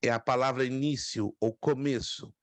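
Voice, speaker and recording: A man's voice: medium pitch, fairly even intonation, moderate pace, no room sound. A man from Brazil teaching a class on biblical Greek, patiently repeating words and asking students questions. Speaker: theology teacher. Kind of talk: classroom lecture.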